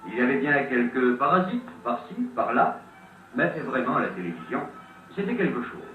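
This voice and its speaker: A documentary narrator with a mid-range, lively, swooping voice tells a scripted story in the style of a vintage French newsreel, complete with dramatic pauses. The old film soundtrack is thin, tinny, and band-limited like a phone, sounding roomy and distant with faint music behind.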